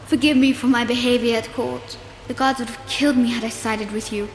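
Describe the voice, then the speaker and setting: An actress voicing an anxious young boy emperor in a video game cutscene, hurried and secretive. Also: fairly high pitch, fairly even intonation, slight background noise, natural voice. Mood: urgent. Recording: roomy echo.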